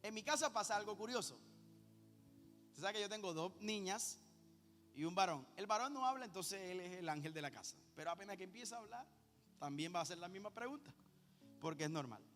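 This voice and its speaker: A man's voice: high voice, animated, brisk, a bit bright. A man, preaching a sermon in a conversational, teasing way full of punchy rhetorical questions. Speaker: pastor. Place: large church auditorium. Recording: echoey church hall with faint music.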